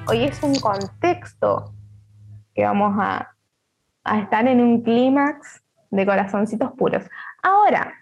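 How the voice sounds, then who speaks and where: A woman's voice: medium pitch, vocal fry, darkish tone. A woman with a Rioplatense Argentine accent hosts an online book club in a chatty, playful way, full of asides and restarts, over a video call.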